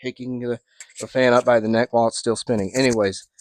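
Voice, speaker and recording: A man's voice: mid-range voice, fairly even intonation, fast talker, darkish tone, no room sound. A man hosting his own channel, casually demonstrating an old fan with rambling asides and restarts. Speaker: vintage fan collector channel host. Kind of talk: casual demo video narration.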